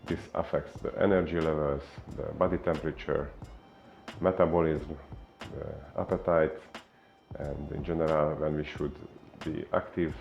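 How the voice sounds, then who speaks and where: A man from Hungary with a Hungarian accent, a fitness coach giving an unhurried explainer talk full of filler pauses. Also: rumbling low, little pitch movement, vocal fry, a little mellow, lo-fi sound, faint music behind.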